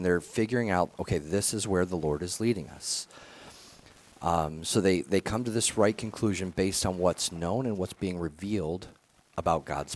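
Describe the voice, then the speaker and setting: A man with a somewhat low voice delivers a conversational sermon as a pastor. He talks earnestly, often restarting phrases and dropping in casual fillers as he teaches.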